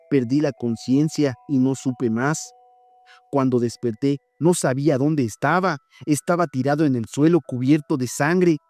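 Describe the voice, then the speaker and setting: A man who hosts a horror story channel, reading listeners' stories in a steady, measured voice. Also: mid-range voice, dry recording. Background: faint background music.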